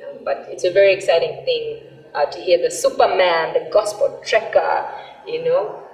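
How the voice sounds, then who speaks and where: A Malawian woman whose first language is Chichewa, a gospel singer, speaks to camera promoting her music, earnest and eager and using many fillers. Her voice is fairly low and darkish, at a moderate pace. The sound is roomy and distant, with faint music behind her.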